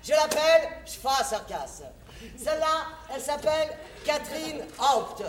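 A woman's voice: high voice, unhurried. An actress playing a shrewd, fiercely protective mother who trades from war to war, blunt and wry in theatrical stage style. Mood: wry, brazen. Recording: echoey theatre, distant mic, faint noise.

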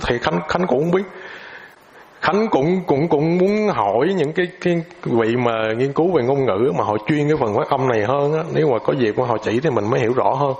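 On a lo-fi recording with a faint hiss, a man teaches in a casual, unstructured way, his voice sitting at a normal middle pitch. He pauses a lot and keeps repeating fillers as he searches for what to say next.

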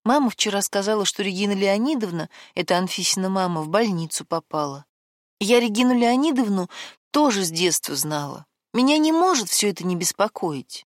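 A woman voicing a worried young woman who gently but persistently presses her partner, in an audiobook. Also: mid-range voice, expressive, a little fast, no echo, clean studio sound, natural voice. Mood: pleading.

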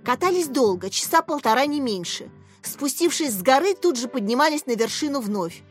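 A woman narrating a story in a steady, expressive scripted reading. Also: high-pitched, a little fast, soft background music.

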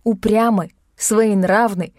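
A woman reads first-person fiction in a calm, wry tone, dry and close to the mic. Her pitch sits at an average female level, and her pace is even and steady. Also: slow, no echo. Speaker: audiobook narrator. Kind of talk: first-person novel narration. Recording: dry close studio sound.

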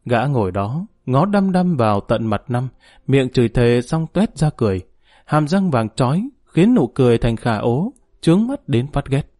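A man reading a novel aloud in a steady, measured storytelling voice. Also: mid-range voice, dry recording, clean studio sound. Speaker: narrator. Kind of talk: audiobook narration.

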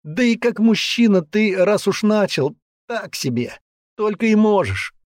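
A man voicing a defiant, sharp-tongued young woman who shouts insults in a high, strained voice in an audiobook. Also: animated, a little slow, dry recording, clean studio sound. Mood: contemptuous. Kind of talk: audiobook character voice.

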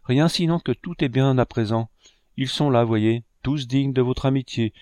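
A man's voice: medium pitch, steady tone, moderate pace, dark tone, clean tone, no echo, clean studio sound, natural voice. A man reading aloud, voicing a feverish, exalted young orphan woman who pleads with her friends. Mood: gentle feverish. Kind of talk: audiobook reading.

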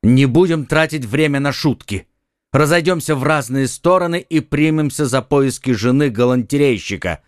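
A man reading an audiobook, voicing a quick-witted young swordsman who speaks urgently and takes charge. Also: mid-range voice, no room sound, clean studio sound, voice pushed up, close to an everyday voice. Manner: earnest, urgent, commanding. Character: quick-witted young male Gascon swordsman, eager leader.

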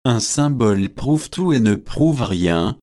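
A man's voice: medium pitch, expressive, dark tone, no room sound, studio quality. A man reading a stiff, easily shocked young man. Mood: indignant. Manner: slow, measured delivery.

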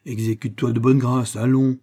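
A man reading the part of a mocking, witty young male friend in an audiobook, teasing in a lively raised voice. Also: medium pitch, normal speed, lightly acted.

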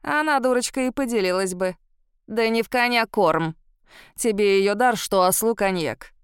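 A woman voicing a grumpy, blunt old woman who scolds in a slow, creaky grumble. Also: medium pitch, no room sound, studio quality, lightly acted. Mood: scolding.

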